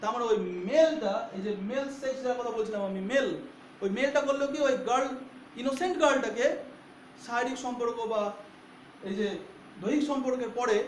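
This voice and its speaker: A man's voice: extremely high pitch, a little fast, long pauses, roomy sound, a little hiss or hum. A man teaching a poetry lesson to students, repeating himself and often checking that they follow. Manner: repetitive, checks understanding with questions.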